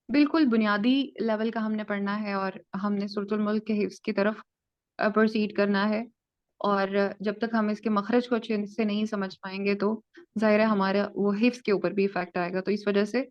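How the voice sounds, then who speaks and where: A woman teaching a basic tajweed lesson in Urdu, explaining step by step and slowly modelling each sound. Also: mid-range voice. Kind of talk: online lesson. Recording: dull lo-fi audio.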